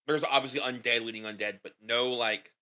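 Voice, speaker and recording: A man's voice: mid-range voice, steady tone, a little fast, bright, forceful tone. A man acting as game master on a streamed tabletop game, talking casually with lots of fillers. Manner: casual, filler-heavy, thinking aloud.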